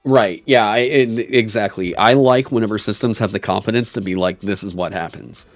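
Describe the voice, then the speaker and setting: A man with a lowish voice talks through tabletop game rules in a frank, wry, casual way, filling pauses with ums. Now and then he hiccups. The sound is dry and close, with faint music underneath. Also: no echo. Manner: wry, frank, lots of fillers. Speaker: co-host reviewing a tabletop game. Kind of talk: casual podcast chat, reading rules aloud.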